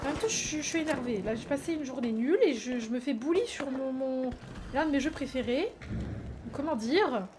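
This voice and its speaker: A woman's voice: high-pitched, a little fast, noisy background. A young woman streaming a shooter game, chatting to viewers, shrieking and swearing as she plays. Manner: excitable, shrieks and yelps during play, swears; reads chat and chats to viewers. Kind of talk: casual gaming livestream chat.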